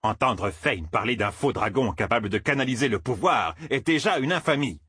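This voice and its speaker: A man voicing a cranky, indignant old male roofer who scolds and shouts, in an audiobook. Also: a little high, sing-song, moderate pace, breathy edge, no echo, clean studio sound, pitched above the performer's own voice. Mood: furious. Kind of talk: audiobook character voice.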